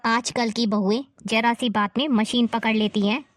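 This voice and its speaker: A woman's voice: on the high side, fairly even intonation, normal speed, lightly acted. A woman playing an older mother-in-law who nags and taunts in a family drama. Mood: scolding. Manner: scolding, taunting. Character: nagging older mother-in-law, harsh and scornful.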